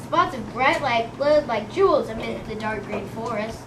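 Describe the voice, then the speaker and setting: High-voiced female story narrator, distant. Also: normal speed. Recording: noisy, echoey room, far from mic.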